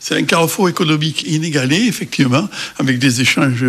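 A middle-aged man from the Cévennes in France, a guest expert explaining with lively emphasis in an interview. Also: fairly high pitch, fast talker, breathy edge.

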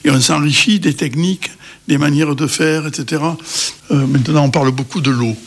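A man's voice: on the high side, a little fast. Emphatic man explaining with feeling. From Cévennes, France. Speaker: guest expert.

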